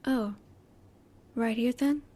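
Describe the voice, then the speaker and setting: In an intimate audio roleplay, a woman plays a female alien, her slightly high voice very soft-edged and relaxed. She comes across as politely clinical and inquisitive, holding her emotions back and speaking in measured, formal phrases with a curious, polite mood.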